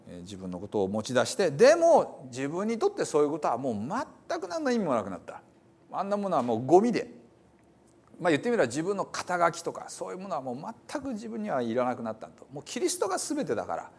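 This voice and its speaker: Male pastor, conversational sermon, lively pitch, filler-heavy explaining. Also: breathy edge.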